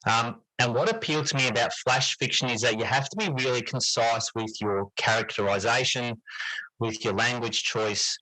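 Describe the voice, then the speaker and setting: A middle-aged teacher and writer gives reflective, conversational answers as an interview guest at a moderate pace. His bright, clear-edged voice sits at an ordinary male pitch. The low-quality recording is dry, with very little room sound and no echo.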